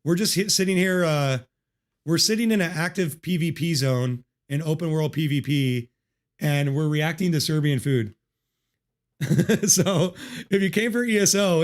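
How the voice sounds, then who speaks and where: Man livestreaming a game, casual, profane, joking, higher voice, desk mic. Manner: profane, joking, greets chat. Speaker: livestream gamer. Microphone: desk mic with noise removal.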